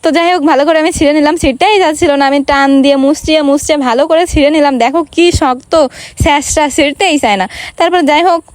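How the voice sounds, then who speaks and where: A woman's voice: high-pitched, racing, no room sound. A young woman from Bangladesh narrating her village vlog in a chatty voice-over, talking straight to her viewers. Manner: chatty, addresses viewers directly. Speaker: vlogger.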